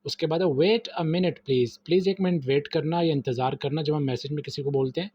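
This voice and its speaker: A man with a Pakistani Urdu accent teaching everyday English phrases. He says each phrase slowly and then explains it in Urdu. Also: on the high side, dark tone, slightly rough. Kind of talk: vocabulary lesson. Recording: dry, slightly muffled voice-over.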